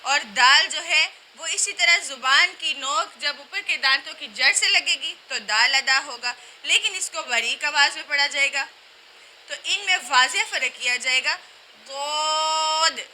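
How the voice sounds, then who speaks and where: A high, very bright female voice teaching recitation. She explains at a brisk clip and then draws single sounds out slowly to demonstrate them. A faint hiss of background noise sits under the recording. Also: low-quality recording.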